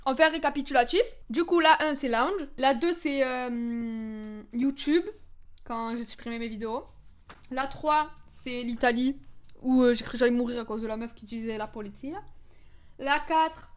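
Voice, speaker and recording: A young woman tells her storytime anecdotes in a casual, slangy, dramatic way. Her voice sits high, and the recording sounds a little dull and lo-fi. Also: moderate pace. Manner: chatty, slangy, dramatic retelling. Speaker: vlogger.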